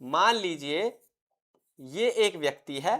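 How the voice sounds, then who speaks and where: A man's voice: on the high side, expressive, slow pace, a bit bright. A man teaching an exam-prep lecture, constantly asking the class questions, answering them himself, and repeating key terms for emphasis. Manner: quizzes students constantly, answers his own questions.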